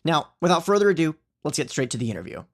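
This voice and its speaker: A man's voice: a little high, very animated, fast, a bit bright. A man hosting a podcast, introducing the episode and guest earnestly, often saying "you know". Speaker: podcast host.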